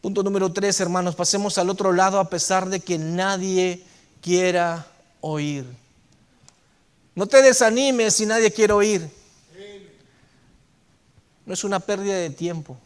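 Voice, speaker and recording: Male pastor, high register, fervent sermon delivery with loud-to-soft swings. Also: unhurried, long pauses, smooth. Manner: fervent preaching, swinging from loud emphatic phrases to soft low endings; repeatedly addresses the congregation as brethren. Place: church sanctuary.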